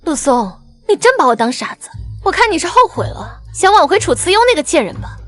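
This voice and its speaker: A jealous younger sister who spreads accusations. Her voice is very high, with faint music behind it. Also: big pitch swings, brisk, a bit bright, full character voice. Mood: accusing. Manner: accusing and petty.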